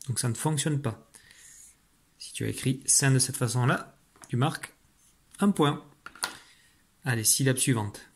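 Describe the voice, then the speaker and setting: A male primary school teacher with a mid-range, slightly rough voice leads a spelling dictation lesson. He speaks directly to the pupil, patiently explaining each step.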